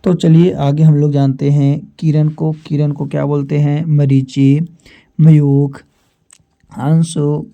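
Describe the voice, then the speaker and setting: A man teaching a Hindi grammar lesson, slowly working through lists of synonyms. His voice is very dark and mellow and sits fairly high, yet he speaks almost flatly. The recording sounds somewhat dull and lo-fi. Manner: slow listing of words, asking and answering his own questions. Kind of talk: exam-prep lesson, reading word lists.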